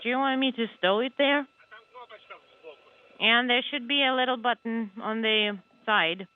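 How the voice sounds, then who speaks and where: A man interpreting over a crackly space radio link, relaying instructions in brisk, clipped radio protocol. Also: very high voice, fairly even intonation. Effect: crackly narrow radio transmission, like a space communicator. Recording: tinny radio comms link.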